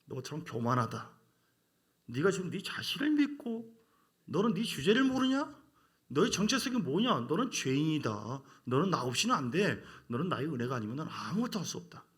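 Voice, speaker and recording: A man's voice: fairly high pitch, sing-song, moderate pace, fairly bright tone. A man, a preaching pastor, voicing God as a blunt, fatherly figure who scolds a doubting believer. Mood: chiding. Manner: blunt, chiding.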